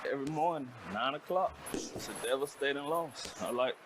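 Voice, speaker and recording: A man from a boxing gym, interviewed for the news, talking in a halting, plain-spoken, grieving way. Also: medium pitch. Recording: noisy field interview.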